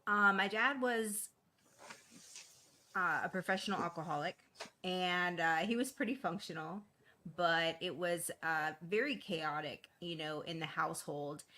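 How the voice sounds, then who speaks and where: Woman guest, lowish voice, open and chatty, casual interview. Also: pushed and bright. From East Boston, Massachusetts. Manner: candid and chatty, frequent fillers and laughs.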